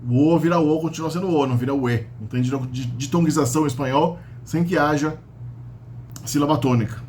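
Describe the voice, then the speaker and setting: A man's voice: a little high, fairly quick, darkish tone, a little hiss or hum. Brazilian man teaching grammar, chatty. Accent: Brazilian Portuguese. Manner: explanatory, many "né?" and "tá?" tags. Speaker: language teacher. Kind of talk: casual spoken grammar lesson.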